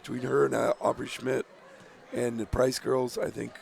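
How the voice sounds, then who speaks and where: A man calling play-by-play for a high school girls' basketball game, reading out scores and times left. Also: level tone, normal speed, vocal fry, a little mellow. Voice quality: scratchy voice. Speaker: play-by-play announcer.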